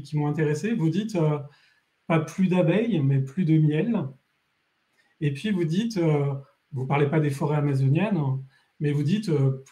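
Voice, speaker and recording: A male interviewer with a mellow, slightly high voice asks his questions haltingly, filling pauses with "euh". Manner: halting, with fillers. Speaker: interviewer host.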